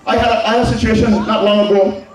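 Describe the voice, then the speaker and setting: With a high-pitched voice, flat delivery and quick pace, a middle-aged Anguillian man addresses the public emphatically and weaves in personal reminiscence. He leans on repeated key phrases for effect. The sound is very echoey, captured at a distance from the mic.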